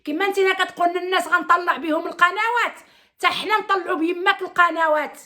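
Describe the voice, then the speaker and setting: A woman's voice: extremely high pitch, steady tone, fast talker, bright, forceful tone. A woman with a Moroccan accent, a YouTuber ranting indignantly at her viewers and firing repeated rhetorical questions. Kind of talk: angry vlog rant to viewers.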